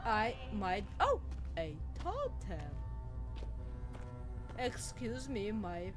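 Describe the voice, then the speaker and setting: A woman streamer doing a stiff robot voice while commenting on a game, with flat, formal machine-like phrasing. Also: mid-range voice, extremely slow, music in the background, exaggerated voice. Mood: stiff robotic.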